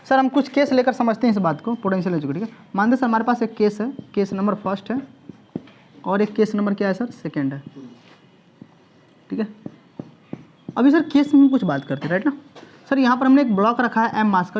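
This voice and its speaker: Teasing and talkative, this male physics coach keeps saying "sir" and checking that his class understands. He speaks in a high register with a darkish tone, over slight background noise.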